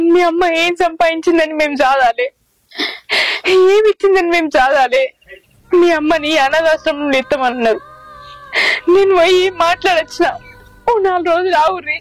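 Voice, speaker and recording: A young actress with a Telangana accent playing a distraught, devoted daughter, speaking tearfully and pleading. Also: female voice, extremely high pitch. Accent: Telangana Telugu. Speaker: actor. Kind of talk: village short-film acting.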